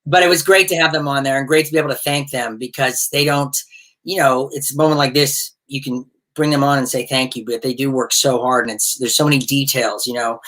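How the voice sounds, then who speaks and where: A man talking loosely over a video call at a middle pitch, often restarting his sentences. His manner is rambling and heartfelt, like an unscripted thank-you. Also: fairly even intonation, brisk, fairly bright tone. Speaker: guest supporter. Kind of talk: casual video call chat.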